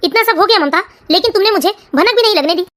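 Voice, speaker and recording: A woman voicing an older retired male clerk, a proud and stubborn father in a cartoon family story, talking quickly and earnestly. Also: extremely high pitch, animated, fairly bright tone. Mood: remorseful.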